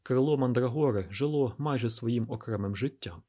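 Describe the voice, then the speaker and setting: Husky male audiobook narrator. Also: mid-range voice, normal speed, warm tone. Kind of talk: scripted narration.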